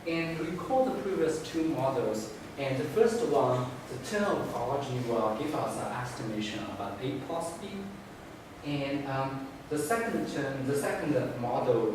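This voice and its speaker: A man who speaks as a gives an academic thesis defense presentation in a halting, hedging way with frequent restarts. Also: medium pitch. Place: indoor room, recorded from a distance. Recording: echoey room, distant mic, noisy background.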